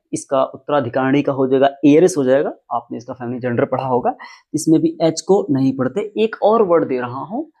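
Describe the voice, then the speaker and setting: A slightly high yet dark-toned male voice lays out English pronunciation rules like a classroom teacher. He speaks with emphasis and says the important words more than once.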